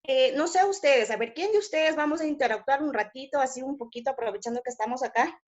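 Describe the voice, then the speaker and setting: High-voiced Ecuadorian woman presenting to class. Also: fast talker. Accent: Ecuadorian Spanish. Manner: explanatory, asks the audience, frequent fillers and tag questions. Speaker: hospital intern presenting to classmates. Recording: muffled lo-fi audio.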